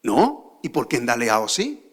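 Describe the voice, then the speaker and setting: A man's voice: mid-range voice, wildly swooping pitch, a little slow, breathy edge. A man with an Andalusian accent giving a lecture on a theater stage, often posing rhetorical questions to the audience. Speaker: conference speaker.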